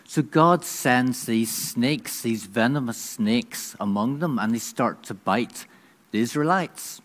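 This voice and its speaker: A man's voice: medium pitch, slow pace, fairly bright tone. A man preaching a conversational sermon, with frequent restarts and acted-out voices. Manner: conversational, hesitant with restarts, dramatizing.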